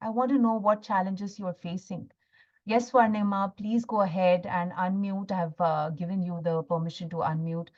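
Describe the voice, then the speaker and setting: A woman with an Indian accent hosts a live online motivational masterclass as a workshop host and healing coach, repeating phrases for emphasis and checking in with listeners by asking "right?". Her mid-range voice keeps a steady tone at a moderate pace. The recording sounds muffled.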